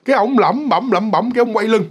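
High, fast-talking Mekong Delta storyteller man. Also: slightly rough. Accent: Southern Vietnamese, Mekong Delta. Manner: chatty, loose and repetitive, addresses listeners directly. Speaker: storyteller, channel host. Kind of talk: casual ghost story narration.

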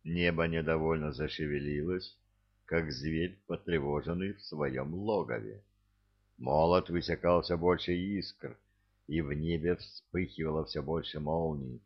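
A man narrating an audiobook in a measured, dramatic storytelling manner, in a dull lo-fi recording. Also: a bass voice, vocal fry, breathy edge. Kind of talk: audiobook reading.

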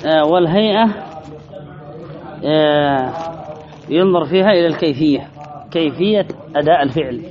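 Male grammar teacher, higher voice, reads and explains, repeats himself; dull recording, audience noise behind. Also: moderate pace, long pauses. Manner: reads a line then explains, repeats phrases and asks questions. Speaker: sheikh teaching Arabic grammar. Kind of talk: classroom lesson explaining a text.

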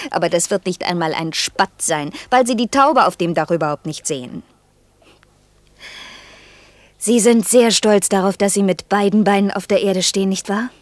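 Lightly acted in a quiet German radio play, the gentle, pensive woman telling a fairy tale sounds reproachful and earnest. The actress's mid-range voice is breathy and husky, her hushed, slow, lyrical narration sinking toward a near-whisper, with no echo.

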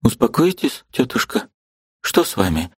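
A man voicing a quiet, earnest young woman who answers timidly. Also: medium pitch, big pitch swings, moderate pace, husky, dry recording, clean studio sound, pitched above the performer's own voice. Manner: soft, timid.

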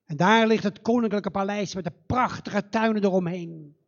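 A man telling a fairy tale live in a church, in a slow, dramatic and animated way. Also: high voice, muffled recording. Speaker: storyteller.

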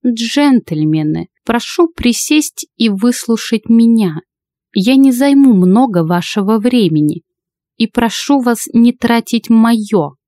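A woman voicing a stern, composed old woman who speaks in a measured, dry way. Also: on the high side, animated, warm tone, dry recording, pitched above the performer's own voice. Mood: cold.

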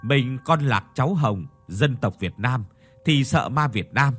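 A male narrator voices a blunt young man who brushes off fear with mockery. His husky voice swoops widely as he sneers. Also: mid-range voice, lively intonation, measured pace, a bit bright, soft background music. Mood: scornful. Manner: mocking, blunt.

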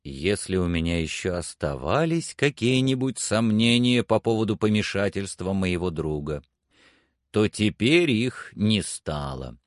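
A man reading a story aloud as narrator, in measured, expressive storytelling. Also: on the low side, dry recording, studio quality. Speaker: audiobook reader. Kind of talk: scripted narration.

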